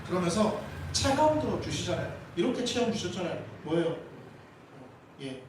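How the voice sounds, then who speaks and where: Male pastor preaching, high voice, asks the crowd lots of questions, big echoey church, faint hiss. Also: big pitch swings, moderate pace. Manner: emphatic preaching with rhetorical questions. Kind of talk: Sunday sermon. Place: church sanctuary. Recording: echoey church hall, from far off, faint noise.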